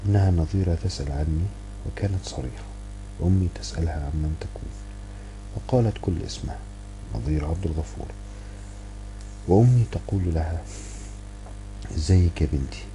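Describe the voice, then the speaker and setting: Egyptian guy reading a novel, low dark voice, faint hiss behind. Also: poor audio. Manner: measured storytelling, wry asides. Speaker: audiobook reader. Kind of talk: first-person novel narration.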